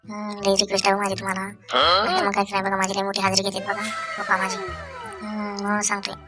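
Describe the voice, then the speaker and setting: A woman's voice: medium pitch, expressive, quick pace, close to an everyday voice. Woman as a mischievous cartoon schoolboy, wheedling and pleading, over background music. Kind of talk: cartoon voice acting.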